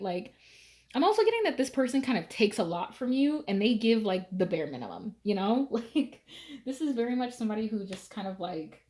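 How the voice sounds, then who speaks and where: A woman's voice: medium pitch, a little mellow. A young woman giving a casual tarot reading, chatty and full of fillers, laughing now and then. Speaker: tarot reader.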